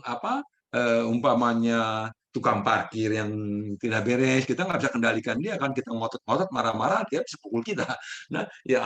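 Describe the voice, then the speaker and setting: Animated man teaching mindfulness casually. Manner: animated, jumps up high when acting out people; fillers and restarts, laughs often. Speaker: mindfulness session host.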